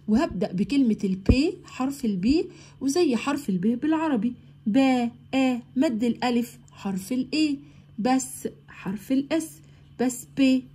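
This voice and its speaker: A young woman with an Egyptian Arabic accent teaching children English, reading English words slowly and explaining quickly in Arabic. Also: on the high side, dark tone, slightly rough. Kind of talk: classroom lesson explaining English grammar.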